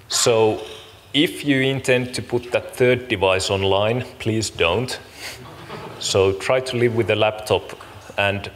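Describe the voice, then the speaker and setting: A man with a fairly low voice speaks as an event host, running through housekeeping in a casual, slightly apologetic manner. The recording has long hall reverb and clear background noise. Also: a bit bright. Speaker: event organiser and host opening a summit. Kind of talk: informal conference welcome with practical announcements. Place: large conference room, speaking to an audience.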